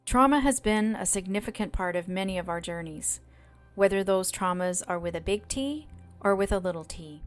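A woman's voice: medium pitch, animated, normal speed, faint music behind. A woman hosting a podcast, introducing and moderating the discussion in a scripted style. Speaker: podcast host and facilitator.

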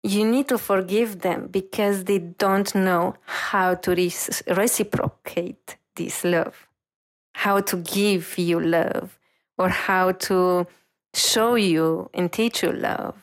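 A woman reiki master speaks in an unhurried, measured way while giving an intuitive reading. Her tone is earnest and gently reassuring, and her pitch sits in an ordinary middle range for a woman.

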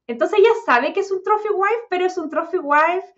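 A woman with a Chilean accent in a fast, chatty conversation, full of slang fillers. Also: extremely high pitch, highs cut off. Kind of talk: casual chat.

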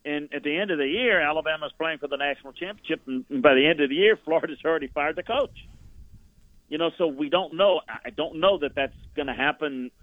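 A man's voice: a little high, brisk, dry recording. Man on a tinny phone line. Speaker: football analyst guest. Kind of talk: sports radio interview commentary.

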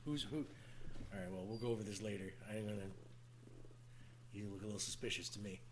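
A man's voice: fairly low pitch, fairly quick, background noise. A man hosting a podcast in casual comic banter, teasing and swearing freely. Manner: teasing, profane. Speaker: podcast host.

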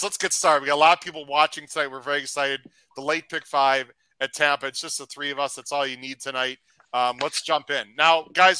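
Upbeat, bright-voiced racing podcast host. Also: male voice, fairly high pitch, clear, resonant tone, no echo, rough recording. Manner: upbeat, chatty, fast shout-outs to viewers. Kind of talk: casual live-stream chat.

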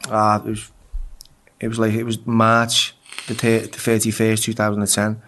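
Here the English guest's voice sits on the low side and fairly bright, delivered completely flat at a moderate pace with slight background noise. Casually interviewed, he recounts raw prison stories, cursing freely while stammering and repeating himself.

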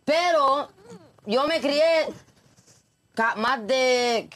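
A woman from Puerto Rico with a Puerto Rican accent, hosting a podcast in lively, playful casual chat that mixes in English. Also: sits high, very slow. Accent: Puerto Rican Spanish. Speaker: podcast host.

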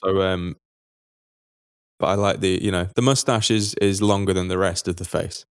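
A man with a low voice jokes on a podcast. His delivery is dry and playful, and the recording is close, with no room echo. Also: steady tone, moderate pace, clear, resonant tone. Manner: joking, dry punning banter. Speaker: podcast co-host. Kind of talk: casual podcast banter.

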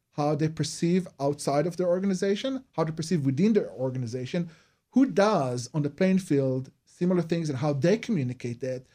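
An advertising and PR agency head with an Israeli accent answers radio interview questions about his craft. He's earnest and explanatory, with non-native phrasing. His voice is on the high side with a dark tone.

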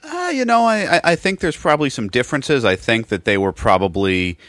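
A man hosting a podcast, chatting casually with deadpan jokes and sudden loud bursts. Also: mid-range voice, brisk, no room sound, clean studio sound. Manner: deadpan jokey, jumps up loud when riled. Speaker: podcast host.

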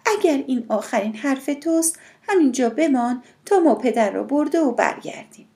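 Brief: a woman playing a calm, firm sister in an audiobook, measured and a bit higher than her narrating voice. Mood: calm reasoning. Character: steady, reasoning adult sister, calm and firm.

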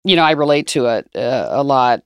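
Gravelly, smooth-voiced woman in her 60s. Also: rumbling low, animated, a little fast, no echo. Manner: reflective, relating her own experience. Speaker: interviewer. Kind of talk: conversational interview.

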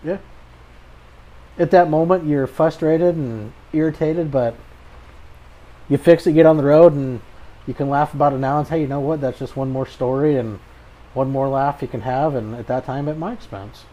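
A man's voice: on the high side, normal speed, mellow, lo-fi sound. An American man hosting a podcast in a casual chat, with an easygoing, folksy good ol' boy way of talking. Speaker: podcast host.

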